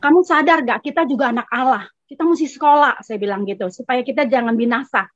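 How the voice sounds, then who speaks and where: Chatty high-voiced woman telling a testimony. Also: fast, no echo, dull audio. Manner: chatty, acts out both sides of a conversation. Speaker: congregation member giving testimony. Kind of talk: casual storytelling testimony.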